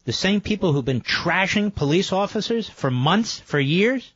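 American man, higher-pitched, infomercial-style radio pitch. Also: expressive, moderate pace, fairly bright tone, breathy edge, dry recording, dull audio. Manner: emphatic sales pitch, repeating offers and phone number. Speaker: talk radio host. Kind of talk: infomercial-style live ad read.

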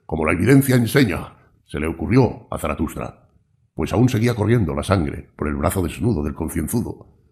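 Narrador de voz grave y áspera. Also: male voice, low-pitched, animated, fairly quick, darkish tone. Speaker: audiobook narrator. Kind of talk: literary audiobook reading.

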